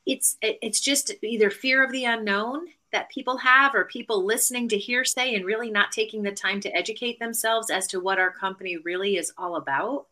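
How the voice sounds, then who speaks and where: A woman's voice: a little high, fairly quick, hardly any pauses, pushed and bright, poor audio. A middle-aged woman, a real estate agent, chatting as a podcast guest and telling stories with lots of fillers and restarts. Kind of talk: casual podcast interview.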